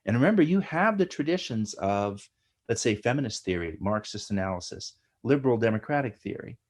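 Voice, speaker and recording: A middle-aged American man, an academic guest, explains ideas in an animated lecturing way, often tagging his points with "right?". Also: on the low side, fairly quick. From United States. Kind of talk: explanatory interview talk.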